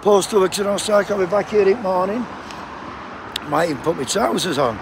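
High-voiced Yorkshire man on a noisy roadside. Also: a little fast. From Sheffield, England. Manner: chatty, joking banter with passers-by, swears freely. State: cold. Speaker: striking postal union picketer. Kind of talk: casual vlog chat. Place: outdoor picket line by a busy road. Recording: noisy roadside traffic outdoors. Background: passing traffic.

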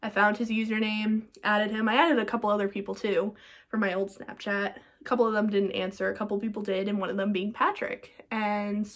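A young woman talking to camera in a personal vlog, emotional and rambling with lots of fillers, a little teary. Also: medium pitch. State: teary-eyed. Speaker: vlogger.

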